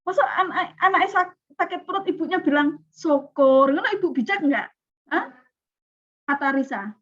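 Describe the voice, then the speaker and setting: A woman's voice: sits high, animated, normal speed, a bit bright. A woman, lecturing a class and often asking her students questions. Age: 40s. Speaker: teacher. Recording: dull lo-fi recording.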